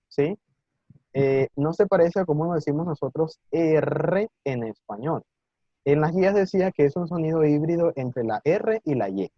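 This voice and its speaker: A man with a slightly high voice teaches Mandarin in a live online class, patiently encouraging his students, checking in often, and pronouncing words slowly and clearly. There's no room sound, and the high frequencies are cut off.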